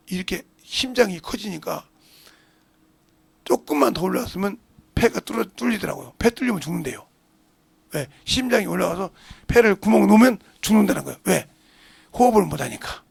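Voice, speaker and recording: A middle-aged man preaches a sermon in a high, gravelly voice with a husky edge. He swings between hushed, whispered prayers and loud, shouted appeals, and his pitch moves all over the place. The sound is dry and close. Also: expressive, moderate pace, long pauses, no room sound. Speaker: pastor. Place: church sanctuary.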